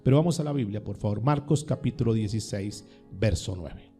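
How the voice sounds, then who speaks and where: A man's voice: lowish voice, brisk, warm tone, soft background music. A male pastor preaching a sermon, firing questions at his congregation and repeating words for emphasis.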